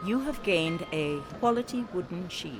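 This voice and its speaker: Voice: mid-range voice, animated, normal speed. A game narrator reading scripted menu prompts and instructions. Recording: reverberant, music behind.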